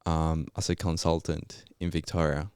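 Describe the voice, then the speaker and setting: This young adult geologist from Colombia, whose first language is Spanish, chats as a podcast guest, recounting his story in relaxed, slangy, Australian-flavored speech. He has a bass voice with little pitch movement, a moderate pace, and a slightly mellow, clear, resonant tone. There's no echo, and the sound is clean studio quality.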